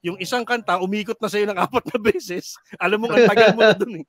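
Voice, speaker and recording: Middle-aged man, radio DJ guest, somewhat high-pitched, joking, rambling, full of fillers, casual studio chat. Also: fast, dry recording.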